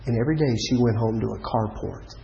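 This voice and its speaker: A middle-aged man, preaching a sermon through a personal story, lively in the telling and dropping quiet to drive a point home. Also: medium pitch, fast talker, creaky, muffled recording, slight background noise. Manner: animated storyteller, drops to quiet emphatic lines.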